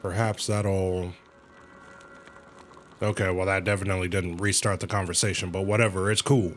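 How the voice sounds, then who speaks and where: A man with a deep voice, level tone, and normal speed livestreams a game, casually reading the dialogue aloud and reacting in slang, now and then stumbling and correcting himself. Video game music plays behind his voice.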